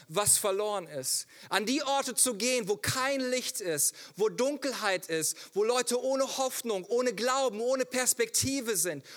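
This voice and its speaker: A man's voice: very high voice, a bit bright. A man preaching a sermon, telling a personal story and asking rhetorical questions. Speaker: pastor.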